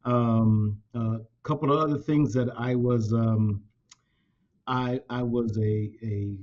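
In a dull, lo-fi recording, a man in his fifties, raised in California with Spanish as his native tongue, chats casually in an interview as a company president. His medium-pitched voice is fairly even and slow, peppered with fillers and restarts.

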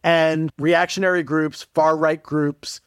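Slightly high-voiced man, dry close sound. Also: level tone, slow, clean tone, dry recording. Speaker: journalist and author interviewed as guest. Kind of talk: casual explanatory interview talk. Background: music.

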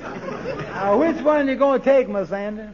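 An actor playing a meek, slow-witted, good-natured sidekick in a 1940s radio comedy, with a hesitant folksy drawl. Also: male voice, very high-pitched, lively intonation, crowd noise, background noise. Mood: puzzled, agreeable. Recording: dull lo-fi 1940s radio recording.

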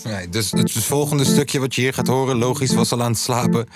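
A man's voice: mid-range voice, a little fast, over loud music. A man, chatting casually in street slang with bits of English, as a rapper hosting a stream. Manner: slangy, drops English words. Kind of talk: casual chat.

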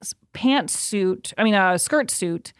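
A woman's voice: mid-range voice, lively intonation, slow, smooth, no echo, studio quality. A woman from the United States, a podcast guest, chatting casually in a rambling, filler-heavy way and laughing easily. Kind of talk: casual chat.

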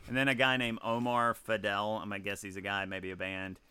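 A man's voice: on the low side, little pitch movement, brisk, pushed and bright, smooth. A man hosting a podcast, chatting casually about music in a wry, opinionated way and laughing easily. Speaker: podcast host.

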